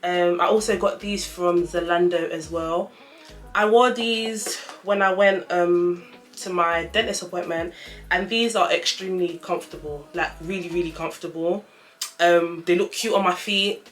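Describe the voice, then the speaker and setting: Lisping young woman, lowish voice. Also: steady tone, normal speed, faint music behind. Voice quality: lisp with whistling s from dental aligners. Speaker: vlogger reviewing trainers. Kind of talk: casual product-review vlog chat.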